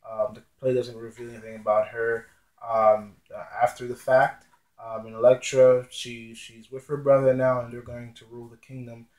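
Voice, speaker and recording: A man's voice: medium pitch, flat delivery, normal speed, a little mellow, roomy sound, low-quality recording. A man casually retelling and explaining a classic play, hesitating often with ums and restarting his sentences. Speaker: literature explainer. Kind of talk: casual spoken play summary.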